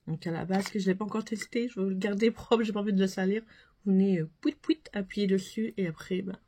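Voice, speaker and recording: A woman's voice: mid-range voice, steady tone, quick pace, warm tone, slight background noise. A young woman chatting casually through a makeup haul, chatty and full of fillers. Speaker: beauty vlogger.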